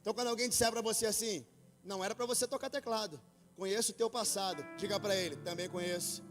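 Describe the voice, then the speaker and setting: Brazilian pastor guy, high voice, storytelling then shouting the sermon, big reverb hall. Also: fairly even intonation, quick pace. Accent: Brazilian Portuguese. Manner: storytelling that builds to shouted preaching. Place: church hall with worship band. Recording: long hall reverb with faint music.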